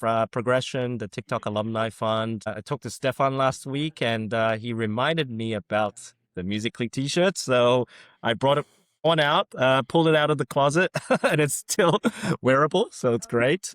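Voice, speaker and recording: Male interview host, mid pitch, dry close sound, friendly and halting with frequent fillers. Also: fairly bright tone, no room sound. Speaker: podcast host, fund founder. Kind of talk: casual interview.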